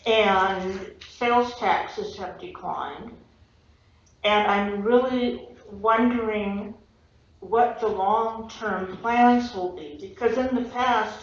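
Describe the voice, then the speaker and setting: A woman asking questions during public comment at a school board meeting, deliberate and a little wry. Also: medium pitch. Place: echoey public meeting room. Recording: echoey, dull meeting-room audio with faint room noise.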